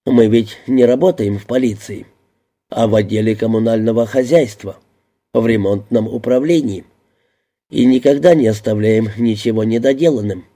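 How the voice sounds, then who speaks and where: A man reading an audiobook voices a stubborn, unhurried male city painter who speaks in a matter-of-fact way. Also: on the low side, warm tone, lightly acted.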